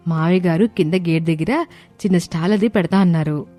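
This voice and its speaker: A woman's voice: on the low side, fairly quick, warm tone, soft background music, lightly acted. Woman voicing eager young daughters-in-law. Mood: cheerful. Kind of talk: animated storybook voice acting.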